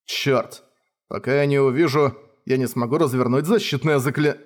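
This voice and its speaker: A man reading an audiobook, voicing a young male hero who gives brisk, clipped orders. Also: mid-range voice, steady tone, close to an everyday voice. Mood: frustrated. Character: young male hero, commanding under pressure. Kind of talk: audiobook character voice.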